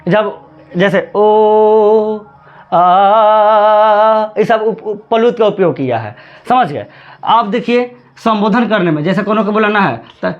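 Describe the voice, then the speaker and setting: High-voiced man teaching. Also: expressive, highs cut off. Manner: repeats words slowly, drawn-out chanted examples. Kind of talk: Hindi grammar lesson.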